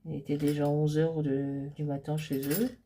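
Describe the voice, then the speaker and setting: A middle-aged woman crafter talking casually through a paper-crafting project, chatty and hesitant, with many pauses and fillers. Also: low voice, flat delivery, dark tone, slight background noise.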